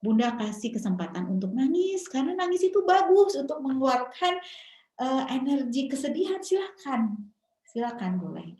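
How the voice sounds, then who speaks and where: A woman's voice: high-pitched, sing-song, moderate pace, warm tone. A woman with a Sundanese-tinged Indonesian accent giving a parenting seminar, telling stories with animation and acting out parents' and children's lines. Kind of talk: seminar talk. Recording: echoey room.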